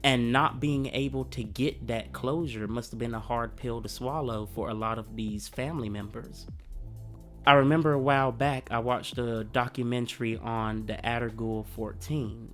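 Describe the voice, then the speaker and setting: A man hosting a history channel offers reflective commentary in an earnest, conversational way while coming down with a cold. His mid-range voice holds a steady tone at a moderate pace, with faint music behind.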